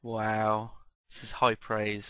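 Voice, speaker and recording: Podcast co-host, male, bright dry voice, jokey and profane. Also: fairly low pitch, monotone, very slow, smooth, dry recording, dull audio. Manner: joking, teasing, swears freely. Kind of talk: casual podcast banter.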